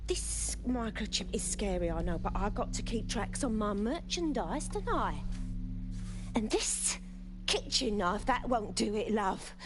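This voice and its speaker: A woman's voice: mid-range voice, sing-song, a little slow, noisy background. An actress playing a cruel, mocking British crime boss in a video game, condescending and menacing with falsely motherly pet names. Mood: mock tenderness. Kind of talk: video game villain acting.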